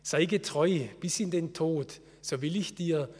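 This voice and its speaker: Male preacher, earnest and measured, slightly high husky voice. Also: darkish tone, long reverb tail. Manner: earnest, measured preaching with slow solemn quotes. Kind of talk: sermon.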